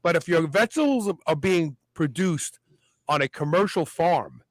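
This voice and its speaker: A man with a fairly high voice hosts a casual health talk. He talks in an animated way and acts out little inner voices as he explains. His voice is dry and close, with no room sound. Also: moderate pace, no echo, low-quality recording. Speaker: podcast host.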